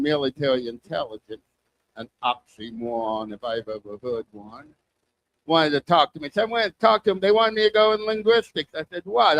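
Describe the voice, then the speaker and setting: A man's voice: fairly high pitch, a bit bright, rough recording. An older man doing self-deprecating, crude stand-up comedy, with a strong lisp and wet, whistling s sounds. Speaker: stand-up comic. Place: live comedy open mic show.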